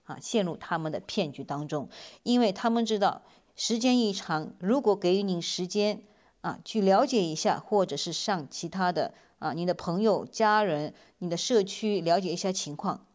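A woman's voice: on the low side, darkish tone. Woman giving a safety announcement, dull lo-fi recording. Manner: measured, instructive, emphatic. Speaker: police multicultural community liaison officer. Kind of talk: public safety announcement, semi-scripted. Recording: dull, band-limited lo-fi voice recording.

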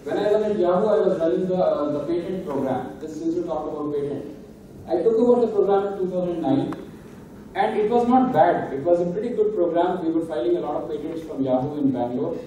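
A man's voice: fairly high pitch, brisk, dark tone, slight background noise. A man giving a conversational conference keynote, often ending points with "right?". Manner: conversational, emphatic, frequent "right?" tags. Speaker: keynote speaker. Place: large conference hall. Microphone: handheld mic, recorded from far camera. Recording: echoey hall, distant and muffled.

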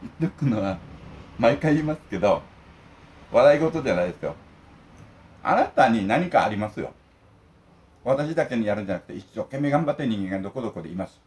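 A man's voice: medium pitch, animated, fast, pauses often, darkish tone. An older man ranting indignantly and emphatically to his viewers while eating lunch at home. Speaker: vlogger.

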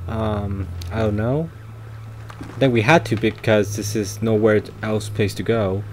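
A man's voice: fairly low pitch, fairly even intonation, unhurried, darkish tone, a little hiss or hum. A man commenting on his gameplay, thinking aloud in a hesitant way with frequent fillers and restarts. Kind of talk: thinking aloud while playing.

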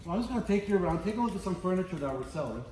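A middle-aged man giving a casual walking tour of a large warehouse as an auctioneer, chatty and playful, listing items in quick repeats. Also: high voice, lively intonation, a little mellow. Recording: roomy warehouse echo, faint background noise.

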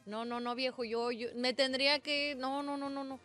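Bright-voiced woman reacting quickly. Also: high voice, steady tone, soft background music. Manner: quick reactions, mixes in English phrases. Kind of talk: casual radio banter. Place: radio studio.

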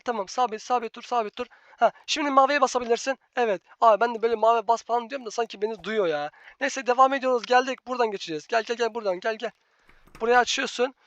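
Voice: high-pitched, a bit bright. A gaming channel host talks through live gameplay, bossing a teammate around and repeating the same instructions with growing exasperation. The recording is dull and lo-fi, with a dry, close sound and no room echo.

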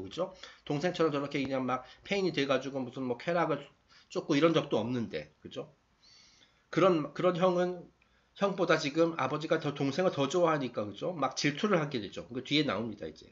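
A man's voice: a little high, fairly bright tone. A man lecturing casually, reading passages aloud and then paraphrasing them, often checking in with tag questions. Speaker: lecturer reading and explaining a text. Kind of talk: casual explanatory talk. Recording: dull lo-fi recording.

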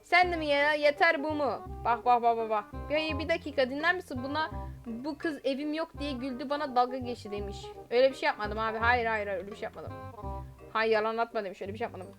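Young woman gamer, high bright voice, chatty commentary over faint music. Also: fast. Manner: chatty, exclamatory, reads typed chat aloud. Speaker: gaming channel host. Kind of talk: game commentary while reading chat aloud.

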